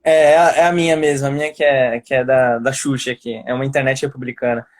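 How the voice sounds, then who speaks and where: Here the São Paulo-born pre-candidate talks quickly in a medium-pitched voice with little pitch variation, his accent Paulistano Brazilian Portuguese. Joining a live-stream by video call, the young guest keeps it casual, laughing frequently and often trailing off into restarts.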